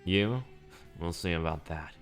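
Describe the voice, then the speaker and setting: A coolly stern male hunter from a manga, read by a man taunts in a low voice. The delivery is deliberate and threatening. Faint music plays behind it. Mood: stern taunting.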